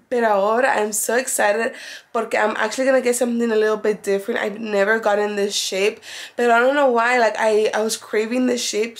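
A young woman vlogging casually, chatty and excitable, switching between Spanish and English. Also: a little high. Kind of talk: casual vlog chat.

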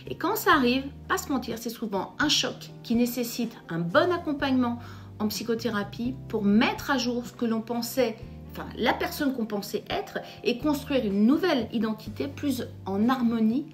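French woman therapist host, fairly high voice, emphatic to camera, faint music under. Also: moderate pace. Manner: lively, emphatic, addresses viewers directly. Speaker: psychotherapist and YouTube host. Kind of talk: direct-to-camera explainer talk.

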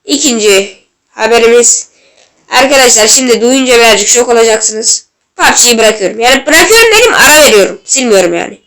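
A woman hosting a gaming channel, giving gameplay commentary in an excitable way and yelling at the referee, and she is a little ill. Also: fairly high pitch, fairly quick. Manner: excitable, shouts at the game and referee. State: slightly ill.

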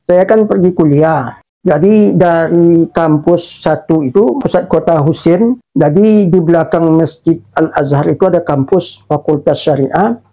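A middle-aged man, an Islamic preacher, telling a personal story in a sermon, with pauses and fillers as he recalls events. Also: a little high, warm tone, poor audio.

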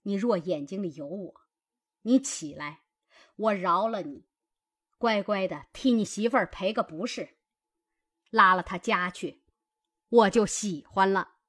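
A man's voice: high voice, a little slow, long pauses, fairly bright tone, voice pushed up. A man voicing a stern, commanding old grandmother who scolds her grandson. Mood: scolding.

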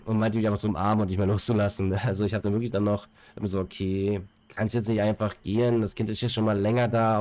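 With a fairly low, slightly mellow voice and no room sound, a young male streamer talks casually over a headset as he plays. His nose is stuffy from a cold, and he rambles with fillers and repeated words.

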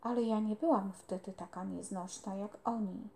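A woman's voice: medium pitch, fairly even intonation, normal speed, gravelly, mellow, lightly acted. A woman reading aloud, voicing a lonely, prickly young girl with an earnest, wistful manner. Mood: sulky.

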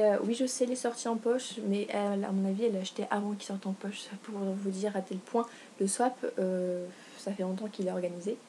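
A young woman chatting casually in a book haul vlog, gushing and excitable, full of fillers and self-corrections. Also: mid-range voice. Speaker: book vlogger. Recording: faint background noise.

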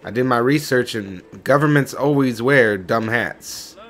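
A man's voice: mid-range voice, unhurried. A young man hosting a let's-play video, chatting casually with rambling, profane commentary. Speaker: gaming channel host.

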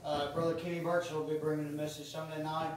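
A male pastor giving church announcements in a halting, hesitant way. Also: a little high, monotone, a little hiss or hum. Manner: halting, hesitant with many uhs. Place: church sanctuary. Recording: echoey church from a distance, congregation around.

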